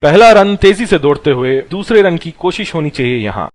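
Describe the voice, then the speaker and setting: A man's voice: fairly high pitch, lively intonation, fairly quick, no room sound, close to an everyday voice. A man doing ball-by-ball cricket commentary, describing the play in short calls.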